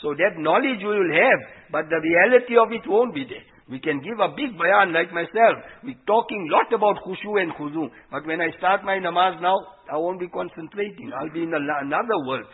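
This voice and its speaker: A man's voice: sits high, a little fast, few pauses. A man giving an informal, earnest Islamic sermon, teaching through rhetorical questions and explained quotations. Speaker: Islamic preacher. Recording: dull, lo-fi radio-like sound.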